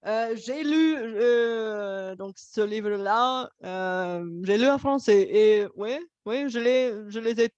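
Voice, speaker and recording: A woman from Bulgaria, speaking a language that is not her own, talks very slowly and keeps pausing on fillers as she hunts for words. Her voice sounds dry and close. The recording is dull and lo-fi. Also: fairly high pitch, a little mellow, dry recording. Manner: hesitant, many fillers while searching for words. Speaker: host. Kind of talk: casual multilingual conversation.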